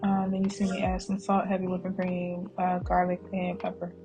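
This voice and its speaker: A home cooking vlogger records a casual voice-over for her kitchen footage, with background music playing. Her voice sits on the low side and stays monotone at a normal speed, and the recording quality is poor. She chats and rambles, wanders off into side stories, laughs easily, and speaks straight to her viewers, calling them y'all.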